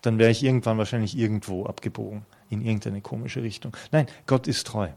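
A man in his fifties preaches an earnest, conversational sermon to a congregation in a church hall, adding touches of light humor. His voice is fairly low, gravelly, and darkish in tone, delivered fast with fairly even intonation.

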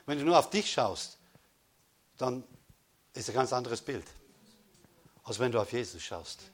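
A man giving a sermon as pastor, emphatic, with repeated calls of praise, swinging between loud declarations and hushed stresses. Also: medium pitch, lively intonation, unhurried.

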